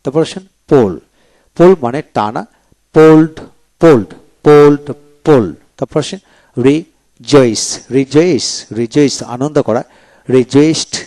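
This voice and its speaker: Man drilling words slowly, dry close sound. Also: on the high side, darkish tone, dry recording. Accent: Bangladeshi. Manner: slow, repetitive word-by-word drilling. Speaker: English teacher. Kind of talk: pronunciation drill lesson.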